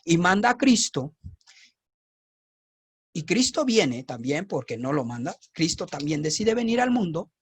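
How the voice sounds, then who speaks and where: Animated Mexican preacher man. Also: sits high, husky. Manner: animated, asks the audience rhetorical questions. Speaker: preacher teaching scripture. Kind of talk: casual Bible teaching.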